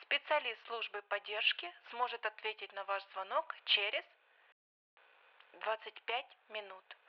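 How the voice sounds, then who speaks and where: A woman reading a formal, polite call-centre hold announcement in a measured way. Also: medium pitch. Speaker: automated phone hold announcer. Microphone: telephone line. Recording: muffled lo-fi phone line with loud hiss.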